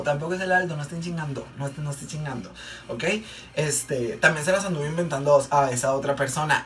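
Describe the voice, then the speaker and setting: A man's voice: on the high side, fairly bright tone. A man with a Mexican Spanish accent, chatting and rambling in a casual gossip storytime while doing makeup for a vlog, with many fillers and repeats. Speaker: makeup vlogger. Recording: distant mic, faint background noise.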